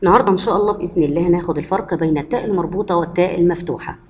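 A primary school teacher with an Egyptian Arabic accent gives a recorded lesson to first graders, speaking rapid-fire in a fairly low voice. She patiently asks the class questions and then answers them herself.

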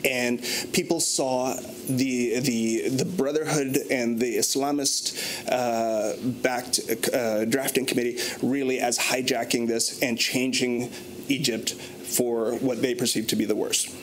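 Poor audio captures a native English-speaking man in his thirties presenting a research paper as a panelist, recorded by lapel mic in a conference room with a banner behind him. His mid-range voice is steady and slow, broken by frequent restarts and fillers as he gestures thoughtfully. A little hiss or hum runs underneath.

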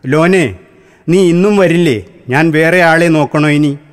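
A man's voice: a little high, a little slow, lightly acted. A man voicing an impatient scolding priest. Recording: long hall reverb.

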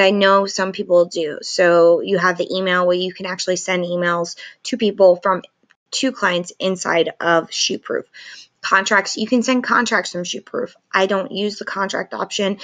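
A woman in her thirties with a sore throat gives a chatty, informal software walkthrough as a photographer. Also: lowish voice, steady tone, moderate pace. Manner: chatty, loose phrasing with many likes. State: sore throat, painful to talk. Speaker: photographer presenting a software tutorial. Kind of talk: casual walkthrough and review to camera. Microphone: screen recording with webcam.

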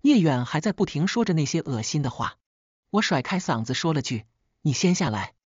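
Woman storyteller, scripted first-person narration, breathy voice, dry close sound. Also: deep voice, very animated, a little fast, darkish tone, dry recording, dull audio.

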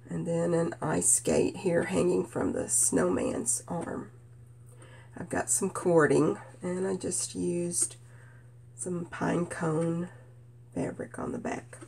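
A woman from Kentucky with a cold and a nasal voice, chatting gently about her stitching projects with many "uh" fillers. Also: fairly low pitch, fairly even intonation, creaky, a little hiss or hum. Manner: gentle, unhurried, frequent "uh" fillers. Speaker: stitching vlogger. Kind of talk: casual show-and-tell chat.

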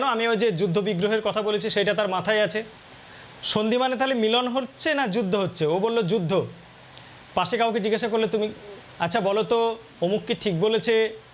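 A man with a Bengali accent explaining step by step how to teach a grammar lesson, spelling out sounds slowly. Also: high-pitched, slight background noise. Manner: slow and deliberate, spelling out sounds one by one. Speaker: teacher coaching exam candidates. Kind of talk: explaining a demo class lesson.

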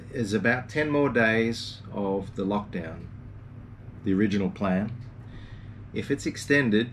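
Male sailing vlogger, 40s, fairly low voice, loose rambling delivery, faint background hiss. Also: distant mic. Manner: relaxed, rambling, with frequent ums and uhs. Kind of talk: casual video update. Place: small boat cabin, indoors.

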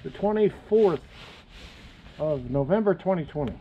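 A man with a slightly high, very lively voice chats his way through setting up cameras beside his motorcycle, half to viewers and half to himself. He's recorded outdoors on a camera mic, with faint ambience underneath. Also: unhurried, narrow, tinny audio, noisy background. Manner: chatty, talks to himself while fiddling with gear. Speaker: motovlogger. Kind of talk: casual talk-through of a gear setup.

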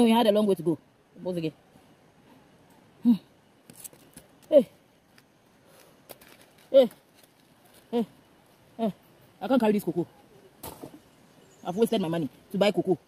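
A woman's voice: medium pitch, lively intonation, measured pace, pauses often, warm tone, husky. A young woman with a Ghanaian English accent, out of breath as she narrates a casual travel vlog while hiking outdoors, exclaiming and cheering herself on, filmed on a handheld camera. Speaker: vlogger. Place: outdoors on a hiking trail by a waterfall.

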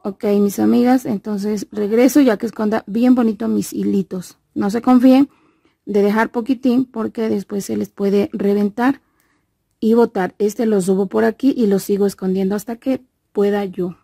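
A woman's voice: mid-range voice, fairly even intonation, normal speed, vocal fry, mellow, slightly rough, no echo. A Mexican woman giving a casual tutorial, with a slight lisp and mouth-full articulation. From Veracruz, Mexico. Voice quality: lisp after molar extraction. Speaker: crochet instructor and host.

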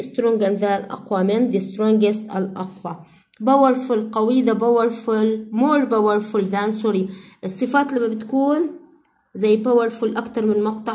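A woman with a Levantine Arabic accent teaching an English grammar lesson, slowly repeating each English word and giving its Arabic meaning. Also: mid-range voice, warm tone.

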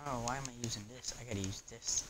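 A man giving excitable live gameplay commentary, often laughing and yelping as he plays. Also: mid-range voice, fast talker, noisy background. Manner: excitable, yelps and laughs while playing. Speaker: gaming YouTuber.

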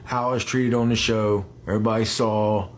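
Halting low-voiced man chatting live. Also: steady tone, a little hiss or hum. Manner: halting, repeats himself, talks straight to viewers. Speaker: livestreamer answering viewers. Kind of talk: casual live chat. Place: small room indoors. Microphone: phone held close.

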